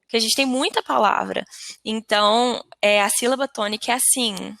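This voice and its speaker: A woman's voice: on the high side, moderate pace, creaky, dry recording. A woman who teaches English online, chatting casually in an interview and laughing often. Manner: lively, laughs often, acts out quotes of students.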